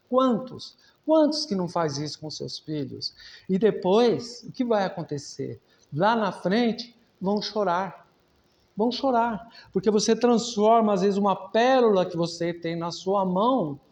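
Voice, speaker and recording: A man's voice: sits high, darkish tone. A man with a Brazilian Portuguese accent giving an earnest, conversational spiritist lecture at a public meeting, drawing on personal anecdotes.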